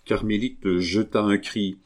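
A man narrating a classic novel aloud in a steady, expressive reading. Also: on the low side, a little slow. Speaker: audiobook narrator. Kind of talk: literary audiobook narration.

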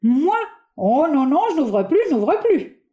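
A woman's voice: sits high, sing-song, unhurried, mellow, highs cut off, pitched above the performer's own voice. A woman reading a stage play aloud, voicing a timid, frightened man who pleads in a panicky way. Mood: pleading.

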